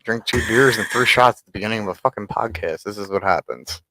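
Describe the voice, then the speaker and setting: A man's voice: on the low side, fast talker, low-quality recording. A man co-hosting a sports podcast, bantering casually and swearing a lot as he jokes. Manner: profane, joking, loud bursts of laughter. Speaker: podcast co-host.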